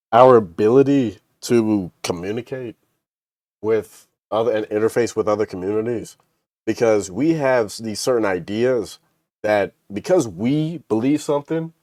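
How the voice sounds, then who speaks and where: A man co-hosting a casual podcast discussion, talking in an animated way and breaking into mocking impressions. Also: lowish voice, measured pace, dry recording, clean studio sound. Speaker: podcast co-host.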